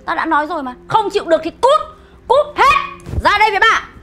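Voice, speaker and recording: A woman's voice: lively intonation, moderate pace, roomy sound, over music. Haughty rich mother-in-law. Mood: contemptuous. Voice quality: shrill, contemptuous shouting. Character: arrogant rich older mother-in-law, scornful. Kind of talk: web drama acting.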